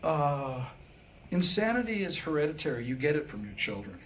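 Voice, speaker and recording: Before a live audience at a staged reading, a middle-aged male playwright performs a comedic monologue and tells stories. His fairly high voice swings widely in pitch at a moderate pace. The live room recording carries background noise.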